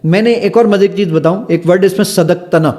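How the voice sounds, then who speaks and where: A man's voice: high-pitched, darkish tone. A man, the founder of an app, eagerly explaining and demonstrating its features step by step as a podcast guest. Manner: eager, stepping through features one by one.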